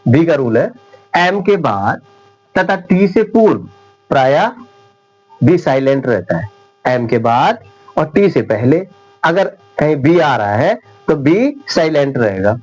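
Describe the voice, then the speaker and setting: A man's voice: fairly high pitch, sing-song, darkish tone, poor audio. Man teaching at a whiteboard. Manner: repeats each example word slowly, explaining rules step by step; addresses viewers as friends, checks understanding often. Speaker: English teacher. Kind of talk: whiteboard classroom lesson.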